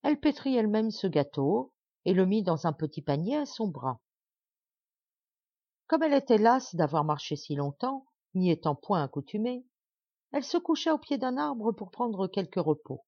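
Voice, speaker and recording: A woman's voice: mid-range voice, sing-song, normal speed, warm tone, no room sound, muffled recording. Woman reading a fairy tale expressively. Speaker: audiobook reader. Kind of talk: scripted storybook narration.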